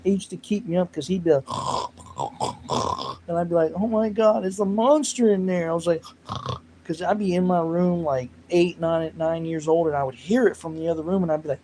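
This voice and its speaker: A man with a somewhat raised pitch talks casually on a livestream. He rambles between jokes and stories and turns sharp and dismissive when he answers trolls in the chat. It is unscripted, easygoing talk. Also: steady tone, fairly quick, slight background noise, low-quality recording. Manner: rambling, jokey, snapping back at chat trolls.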